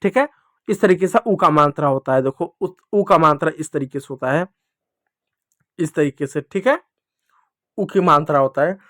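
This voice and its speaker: A man teaching children, patiently repeating each sound slowly and drawing out the vowels. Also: fairly high pitch, a bit bright, no room sound, clean studio sound. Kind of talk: Hindi lesson for children.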